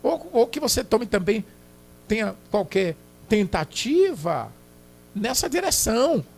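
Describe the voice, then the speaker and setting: A man's voice: high voice, big pitch swings, measured pace, creaky, darkish tone. A man preaching a sermon as pastor, emphatic and repetitive, often checking that listeners follow. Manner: emphatic, repetitive, keeps asking "Entendeu?".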